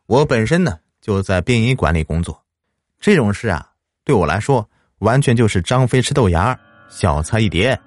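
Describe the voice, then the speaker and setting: A man's voice: on the low side, sing-song, moderate pace, no echo, studio quality. A man voicing an impatient young man who works at a funeral home, speaking brashly in an audio story. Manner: brash, slightly irritable.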